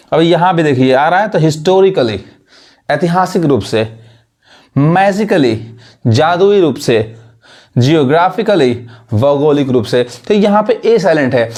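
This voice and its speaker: A man with a high voice explains English pronunciation rules. He repeats each word and poses rhetorical questions as he teaches. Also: a little mellow.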